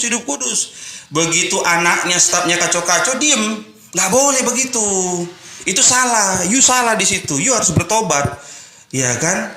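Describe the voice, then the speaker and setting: A male pastor giving a lively, conversational sermon, mixing exhortation with slangy asides. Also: a little high, roomy sound.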